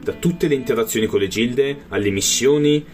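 A man's voice: medium pitch, moderate pace, darkish tone, soft background music. A man answering interview questions casually as a role-playing gamer, hesitating as he searches for words. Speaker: interviewed tabletop role-playing player and game master.

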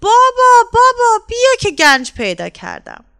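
A woman voicing a tiny, eager and stubborn chickpea boy in a storybook tale, with a high, insistent childlike voice. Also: very animated, bright, forceful tone, exaggerated voice. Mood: excited.

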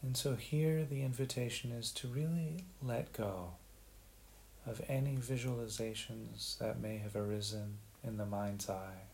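A man leading a guided meditation in a gentle, unhurried way, leaving long pauses. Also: mid-range voice, fairly even intonation, vocal fry. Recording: faint background hiss.

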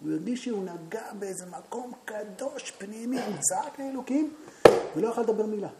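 The recording is very noisy as a man whose voice sits high leads a Talmud class, telling a story, quizzing his students, and now and then rising to loud, animated exclamations.

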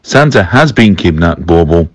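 An actor playing a stern, dismissive military elf official in an audio drama. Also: male voice, low-pitched, big pitch swings, normal speed, breathy edge, no echo, full character voice.

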